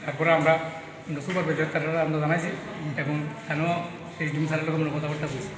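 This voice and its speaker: A man's voice: on the high side, little pitch movement, fast talker. A man with a Tripura Bengali accent giving a spontaneous account as a hospital security guard. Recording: echoey, reverberant, music over it.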